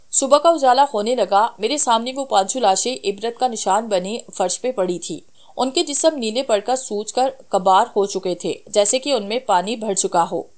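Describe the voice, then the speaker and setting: A woman storyteller reads a horror tale aloud at a steady, measured pace. Her voice sits somewhat high for a woman.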